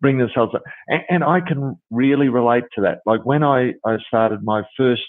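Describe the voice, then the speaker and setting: A male dentist on a podcast interview, telling lively stories and acting out bits of dialogue, with lots of "you know"s. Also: mid-range voice, normal speed, no echo. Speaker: dentist and dental coach. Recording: tinny phone-like line.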